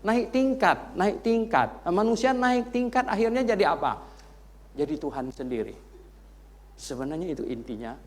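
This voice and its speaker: A pastor teaching a doctrine class, firing rhetorical questions and repeating points with teasing asides. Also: male voice, medium pitch, a little hiss or hum. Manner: rhetorical questions, heavy repetition, animated jabs; tag fillers "ya loh" and teasing asides.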